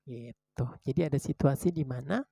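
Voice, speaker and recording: A tarot reader chatting casually to viewers, calling out cards one by one in a slow, relaxed way, indoors at home. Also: medium pitch, vocal fry, husky, no room sound. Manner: chatty, slow card-by-card announcing; drops into soft whispers for short prayers. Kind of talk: casual tarot reading video.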